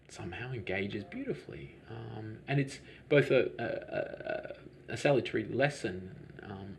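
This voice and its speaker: A man who owns a lavender farm answers interview questions, rambling through his story hesitantly with lots of restarts and fillers. His voice is on the low side and a little mellow, with slight background noise in the recording.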